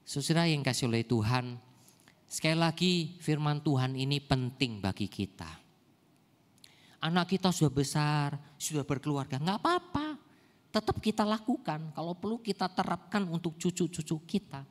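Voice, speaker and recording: A man's voice: fairly high pitch, animated, normal speed. An older man preaching a sermon in a church service, often asking the congregation rhetorical questions. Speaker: pastor. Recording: echoey church hall.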